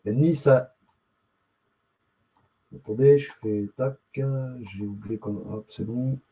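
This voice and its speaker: A man talks very slowly, drawing out his words, then drops into muttering asides to himself as he searches on his screen. His casual host chatter wanders and keeps restarting, broken by sudden emphatic bursts. His voice sits at an ordinary, middle pitch for a man. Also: dark tone, slight background noise, rough recording. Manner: rambling, self-interrupting, mutters to himself while searching. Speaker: YouTube host. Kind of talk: casual screen-share commentary.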